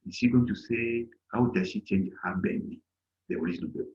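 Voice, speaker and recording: Over a video call from an indoor room, a middle-aged man teaches German online, performing little dialogues loudly. His mid-range, darkish voice holds a steady tone at a moderate pace. A laptop mic gives the call its lo-fi quality.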